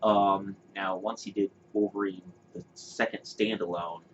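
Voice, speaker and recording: In a low voice with a steady tone and measured pace, a man co-hosts a podcast. His casual, opinionated chat wanders, with fillers and restarts along the way. The recording sounds dull and lo-fi, with a faint hiss.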